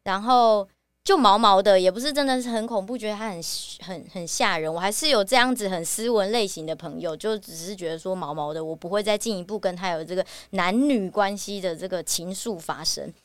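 A young Taiwanese woman with a Taiwanese Mandarin accent tells a personal story on her podcast, pausing often as she thinks. Her voice sounds smooth and clean. The recording is close and dry, with no room around it. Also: mid-range voice, no echo. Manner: halting and reflective, with many fillers. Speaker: podcast host.

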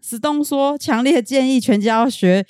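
A woman co-hosting a podcast, reading viewer comments in casual chat, brisk and blunt. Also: sits high, a little mellow, clear, resonant tone, no room sound, clean studio sound.

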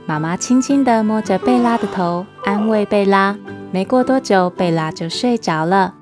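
A woman narrating a children's storybook in a lively, expressive way. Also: mid-range voice, normal speed, faint music behind.

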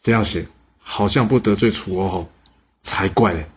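A man tells history stories in a chatty, casual way, often turning to ask the listener questions. His voice sits low and is strongly husky. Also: moderate pace, highs cut off. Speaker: podcast storyteller.

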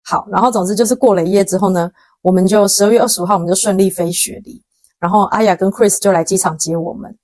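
A young Taiwanese woman with a plain Taiwanese Mandarin accent tells a story rapidly on her own podcast, acting out the lines of the people involved. Her mid-range voice is close-miked and dry, with no room around it, as she delivers an animated, dramatic, casual monologue full of quoted dialogue and slang.

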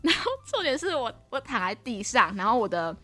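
Lively young woman telling a story. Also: fairly high pitch, fairly quick, soft background music. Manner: animated, laughing often, acts out quoted lines. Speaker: podcast co-host. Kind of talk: casual storytelling chat.

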